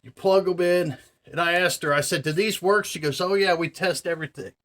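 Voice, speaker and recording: A man's voice: high-pitched, fairly quick, a bit bright, slight background noise. A man in his forties rambles through a casual video monologue in a slightly raised voice. He leans on fillers like "you know" and "man" and stresses his points with earnest wonder. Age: 40s. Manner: chatty, filler-heavy, says "man" and "you know" a lot; earnest, marvelling emphasis. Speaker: vlogger.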